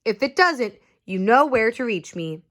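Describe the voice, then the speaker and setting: A woman voicing a fussy male doctor in a storybook, speaking in a measured way and rattling off symptoms. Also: fairly high pitch, sing-song, fairly bright tone. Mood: reassuring.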